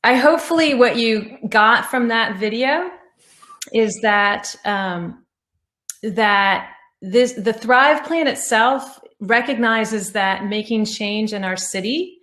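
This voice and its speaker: A woman's voice: on the high side, slow, a bit bright. A woman giving an informal, conversational presentation to an online audience, feeling her way through phrases and rephrasing as she goes. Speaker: presenter of an online climate talk. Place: indoor room on an online meeting. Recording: roomy, echoey sound.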